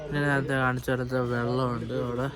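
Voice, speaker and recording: A man's voice: medium pitch, flat delivery, fast talker. Casual Malayali man vlogging, crowd around. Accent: Malayali, Kerala. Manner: informal, addresses viewers as guys constantly. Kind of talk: casual walking vlog chat in Malayalam slang with English words. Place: outdoors in a hill park.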